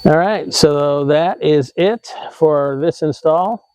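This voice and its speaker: Running an RV tips channel, an American man talks through a how-to video in a relaxed, informal way, hesitating and correcting himself at times. He speaks slowly in a voice on the high side with a slightly mellow quality.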